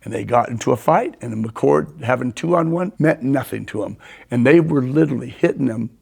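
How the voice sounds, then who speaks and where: An older man as a guest, telling animated stories and acting out the quotes. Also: mid-range voice, a little fast, gravelly, breathy edge. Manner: animated storyteller, acts out quotes. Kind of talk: storytelling in a conversation.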